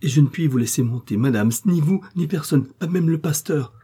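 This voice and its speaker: A man's voice: medium pitch, normal speed, mellow, slightly rough, close to an everyday voice. A man voicing a timid, easily frightened innkeeper who pleads in a fluster.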